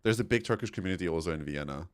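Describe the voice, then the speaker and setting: Very deep-voiced Austrian man, chatty streamer. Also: animated, very fast, no echo, studio quality. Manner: chatty, laughs often, reads chat aloud. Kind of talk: casual livestream chat.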